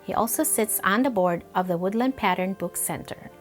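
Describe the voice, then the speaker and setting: A woman's voice: mid-range voice, moderate pace, faint music behind. A woman hosting an interview show, introducing her guest in a formal, announcing way. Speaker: show host.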